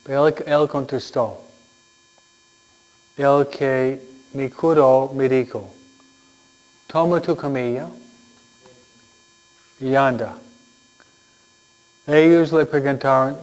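A man speaking as a priest in solemn church delivery, reading scripture and preaching with deliberate phrasing and frequent pauses. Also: mid-range voice, a little mellow, muffled recording. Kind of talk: solemn Gospel reading and homily.

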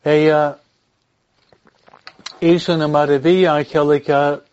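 Slow-speaking male priest with English-accented Spanish. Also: on the high side, flat delivery, a little mellow, lo-fi sound. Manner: deliberate, halting delivery with repeated phrases. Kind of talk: informal religious talk and blessing.

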